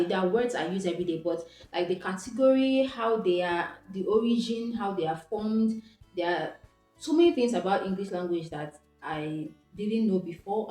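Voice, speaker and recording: Faint music plays in an echoey room as a young Nigerian woman, Igbo by first language, vlogs reflectively to camera. Her voice is mid-range with a dark tone, and her casual talk is full of restarts and self-corrections.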